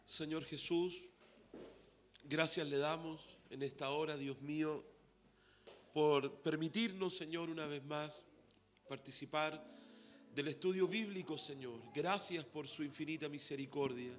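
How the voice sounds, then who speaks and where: A man's voice: on the high side, a little slow, faint music behind. A pastor with a Chilean Spanish accent leading an earnest spoken prayer, repeating "Lord" between his phrases.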